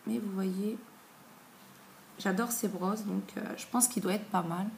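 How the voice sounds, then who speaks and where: A beauty vlogger in her thirties with a creaky, mid-pitched voice gives a relaxed, chatty product review, leaning on fillers as she pauses. The audio comes from a camera mic in an echoey room at home, with faint background noise.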